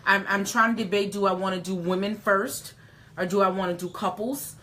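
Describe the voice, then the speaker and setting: A woman's voice: medium pitch, steady tone, fairly quick, sharp tone. A woman in her late forties hosting a casual live chat, emphatic and folksy, repeating words for stress. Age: 40s. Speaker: host.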